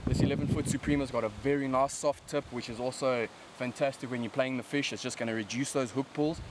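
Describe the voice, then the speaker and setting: A man's voice: mid-range voice, steady tone, fast. A young man with a broad South African accent gives casual fishing commentary and tips outdoors on a river bank. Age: young adult. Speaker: angler presenting a fishing video. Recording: outdoor camera sound with background noise.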